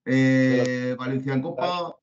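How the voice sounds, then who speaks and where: A man on a sports panel recounting fan experiences in an animated, self-deprecating way. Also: medium pitch, slow pace. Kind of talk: casual sports talk show. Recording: dull lo-fi video call audio.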